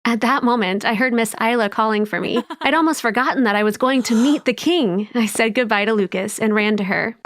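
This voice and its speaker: A woman's voice: on the high side, brisk, few pauses, dry recording, studio quality. Dreamy woman storytime narrator. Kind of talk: first-person storytime narration.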